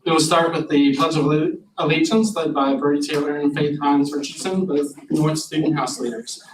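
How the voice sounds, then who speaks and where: A man with a fairly high voice chairs a formal board meeting. He is picked up from a distance in an echoey room, with clear background noise. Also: steady tone, moderate pace.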